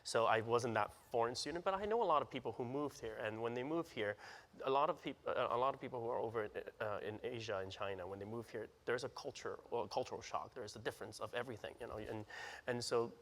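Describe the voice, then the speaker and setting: A man's voice: mid-range voice, fast talker. Man, young adult, actor guest, casual, filler-heavy, slight studio echo. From Hong Kong, raised in the US. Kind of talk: studio interview. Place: TV studio set.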